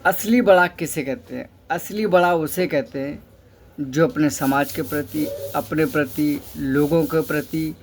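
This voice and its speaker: A man's voice: a little high, measured pace, a little hiss or hum. A man giving a motivational talk, instructing listeners step by step, asking questions and answering them himself, and repeating key phrases for emphasis. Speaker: motivational speaker.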